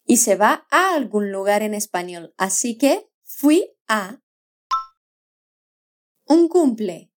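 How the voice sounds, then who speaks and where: A woman teaching a language lesson, modelling words slowly and clearly with encouraging prompts to repeat. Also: medium pitch, big pitch swings. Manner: slow, carefully modelled repetitions with encouraging prompts. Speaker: Spanish pronunciation teacher. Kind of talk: scripted language lesson narration.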